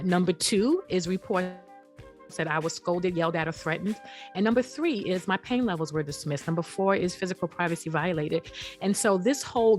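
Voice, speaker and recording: A woman guest on a podcast interview, explaining earnestly and often saying "you know.". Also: medium pitch. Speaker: guest, app founder.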